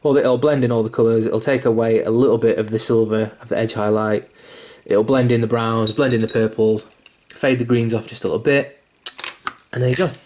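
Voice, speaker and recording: With slight background noise in the clip, a hiccuping young man gives an informal miniature painting tutorial in a mid-range, slightly mellow voice. His tone is level and his pace fairly quick. He drifts a bit, using fillers and restarts, swears occasionally and is mildly self-deprecating.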